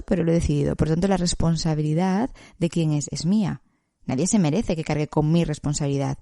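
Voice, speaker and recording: Woman psychologist, gravelly mellow voice, dry close sound, calm teaching podcast delivery. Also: low-pitched, dry recording. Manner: calm, explanatory, with frequent checking questions. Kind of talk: educational podcast talk.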